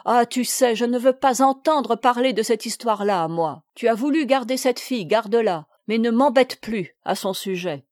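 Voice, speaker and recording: A woman voicing an irritable young husband who shouts curt, angry outbursts in a read-aloud novel. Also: mid-range voice, lively intonation, unhurried, hardly any pauses, no echo, studio quality, natural voice.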